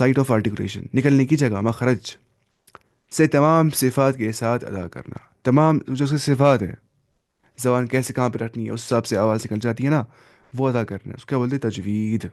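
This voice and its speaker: A man's voice: mid-range voice, darkish tone, dry recording, clean studio sound. A man teaching a Quran tajweed lesson. He mixes English terms into his explanations and asks and answers his own questions.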